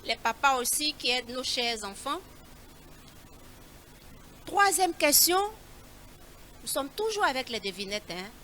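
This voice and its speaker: Bright, sharp-voiced woman hosting a children's Bible quiz; slow, repeated clues; faint background noise. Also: high voice, big pitch swings. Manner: slow, repeats each clue, coaxing.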